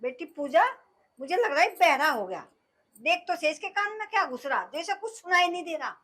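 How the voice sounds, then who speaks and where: A woman's voice: very high voice, sing-song, a little fast, a bit bright, exaggerated voice. An actress playing a nagging village mother-in-law with a Haryanvi accent, scolding her son.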